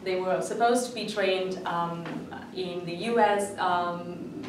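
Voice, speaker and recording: A young Vietnamese woman gives a conference talk in a fairly low voice, speaking slowly and hesitantly with many fillers. The recording is from an echoey conference hall with background noise, her voice far from the mic.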